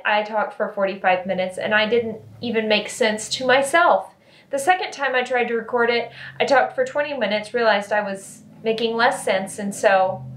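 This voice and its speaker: A woman's voice: on the high side, fairly bright tone, reverberant. A woman explaining hair care ingredients in a chatty, giggly, self-deprecating vlog style.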